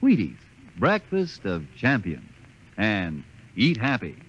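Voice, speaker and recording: A man's voice: huge pitch swings, slow pace. A man reading a cheerful sponsor announcement in 1950s radio style, heard from an old broadcast disc recording. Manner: hearty, upbeat pitchman delivery. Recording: muffled, noisy old radio transcription.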